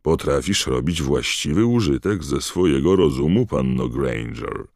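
Gravelly old auror, read by a man: blunt, commanding, dry close sound. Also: a bass voice, animated, unhurried, a little mellow, dry recording, exaggerated voice. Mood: gruff. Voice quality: hoarse, growling. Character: gruff scarred old male wizard, veteran auror.

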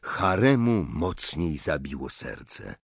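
A man narrating an audiobook in an expressive, animated reading style. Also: low-pitched, slow pace, vocal fry, husky, dry recording. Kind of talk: storybook narration.

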